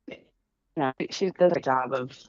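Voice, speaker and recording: A woman's voice: a bass voice, moderate pace, darkish tone, no room sound. A woman on a remote podcast call whose audio keeps breaking up and dropping out, speaking casually and bluntly. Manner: blunt, casual, swears freely. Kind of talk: casual chat. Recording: dull lo-fi call line.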